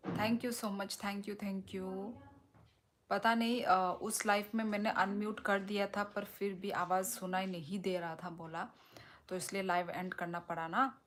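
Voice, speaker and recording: A woman hosting a casual live stream, reading out viewer comments and answering them in an unhurried, teasing way. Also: medium pitch, flat delivery.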